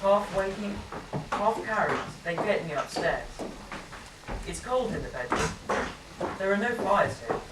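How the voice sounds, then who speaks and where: An actress narrating as a grown man who recalls his boyhood, in a reflective, measured way. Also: medium pitch, lively intonation, natural voice. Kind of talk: stage narration. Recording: distant echoey stage, loud hiss.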